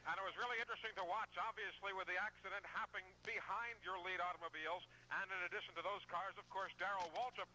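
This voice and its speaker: A man's voice: high-pitched, pushed and bright. An American man working as a motorsport commentator, calling a race live on radio. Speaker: motorsport commentator, turn announcer. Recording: noisy live radio feed.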